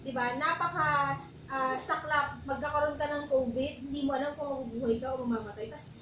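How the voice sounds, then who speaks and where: A woman co-hosting a church talk show in a casual, chatty way. She slows down and speaks deliberately when she reads scripture. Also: sits high, steady tone, reverberant, distant mic, background noise. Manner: chatty, switches into slow deliberate English when reading scripture. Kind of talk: casual faith talk, reading Bible verses.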